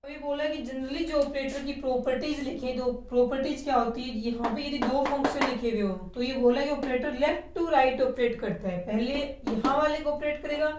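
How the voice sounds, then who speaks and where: A woman's voice: sits high, steady tone, normal speed, hardly any pauses, darkish tone, a little hiss or hum. A woman chemistry teacher giving a classroom lecture, explaining step by step and asking rhetorical questions. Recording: echoey room, voice from a distance.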